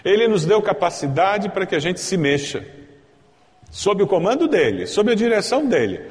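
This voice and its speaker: A man's voice: sits high, big pitch swings, normal speed, big-room sound. A Brazilian man preaching a sermon as pastor, building to emphatic peaks and asking the congregation rhetorical questions. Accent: Brazilian Portuguese.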